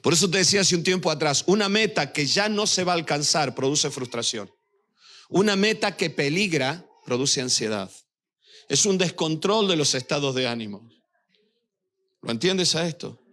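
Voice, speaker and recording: A man's voice: fairly high pitch, lively intonation, moderate pace, a bit bright. A male pastor preaching a sermon, speaking directly to his church and weaving in personal anecdotes.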